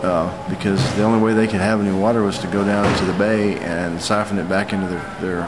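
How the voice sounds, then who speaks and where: A man in his forties giving an unscripted, matter-of-fact eyewitness vlog report, speaking haltingly. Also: low voice, little pitch movement, loud music behind the voice, rough recording. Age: 40s. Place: hotel lobby, indoors.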